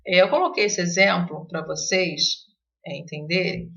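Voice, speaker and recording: Gravelly-voiced woman teaching literature. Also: on the low side, moderate pace, fairly bright tone. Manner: hesitant, many fillers and restarts. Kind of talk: recorded online lesson. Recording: dull lo-fi recording.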